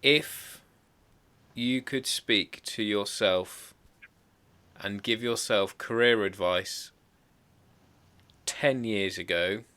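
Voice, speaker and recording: A man's voice: fairly low pitch, drawn-out words, long pauses, pushed and bright. A male host chatting with a guest on a video-call interview, asking questions in a jokey, chatty way.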